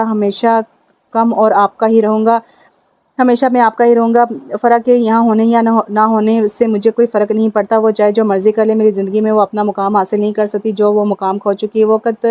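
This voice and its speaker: A woman's voice: mid-range voice, no echo. A woman narrating a romantic novel and speaking every character's lines herself. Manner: reads all parts herself in an even tone. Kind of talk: dramatic audiobook narration with voiced dialogue.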